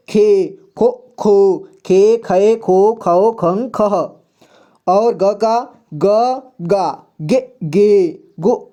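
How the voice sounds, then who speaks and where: Sounding out syllables one by one, a Hindi teacher with a high-pitched, mellow voice patiently guides beginners through reading, tossing in frequent "okay?" asides.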